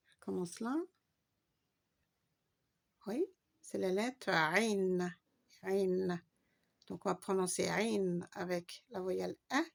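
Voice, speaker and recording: A woman's voice: medium pitch, creaky. A woman giving a patient, step-by-step Arabic reading lesson, spelling out letters and stretching long vowels. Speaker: Arabic teacher.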